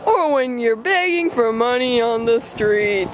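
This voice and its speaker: A woman's voice: fairly high pitch, lively intonation, unhurried. A woman announcing a homemade spoof commercial in a salesy, over-selling infomercial manner. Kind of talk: mock infomercial pitch. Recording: camera mic from a distance, faint hiss.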